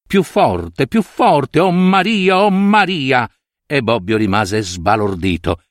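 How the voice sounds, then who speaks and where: A man reads a short story aloud in an expressive, theatrical style. His pitch rises and falls a lot, and the recording is dry and close with little room sound. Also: dry recording. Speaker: narrator. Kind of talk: dramatic reading of a short story.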